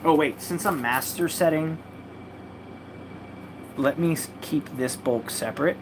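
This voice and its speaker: A woman with a lowish voice rambles through a casual livestream, slangy and quick to swear as she rips open card packs. Faint noise from a party next door hums behind her in a home room with a mattress against the wall. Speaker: streamer opening trading card packs.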